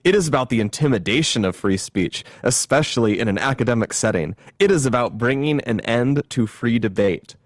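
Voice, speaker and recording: A man's voice: mid-range voice, animated, brisk, hardly any pauses, dry recording, studio quality. A man co-hosting a political talk show, reading aloud and reacting with commentary.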